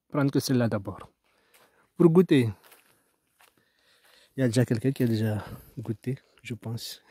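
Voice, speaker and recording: A man's voice: medium pitch, warm tone, dry recording, studio quality. A man with a Mahoran French accent, a farmer talking casually outdoors about his crops, hesitant and rambling with many restarts. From Mayotte. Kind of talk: casual farm vlog.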